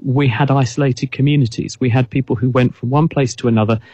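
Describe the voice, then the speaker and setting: A man's voice: medium pitch, fairly even intonation, fast talker, warm tone, slightly rough, no room sound, highs cut off. Man, thoughtful explainer, many restarts, dry close sound. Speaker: guest expert. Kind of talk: casual radio chat.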